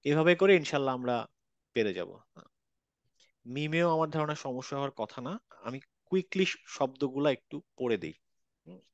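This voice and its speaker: A man's voice: medium pitch, animated, normal speed, long pauses, dry recording, muffled recording. A man teaching Quran letter pronunciation in an online class, patiently repeating each sound. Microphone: video call.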